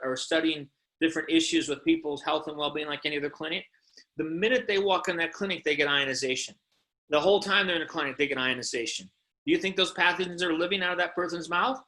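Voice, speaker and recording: Bright and forceful, a slightly high male voice drives an informal sales presentation. The speaker is a company presenter selling products, pressing his points insistently and leaning on rhetorical questions.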